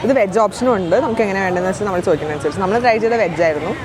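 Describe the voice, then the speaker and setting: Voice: mid-range voice, rapid-fire. A Malayali travel vlogger chatting casually to viewers, switching between Malayalam and English. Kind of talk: travel vlog narration, casual chat. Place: busy city streets and a cafe. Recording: noisy outdoor city traffic behind.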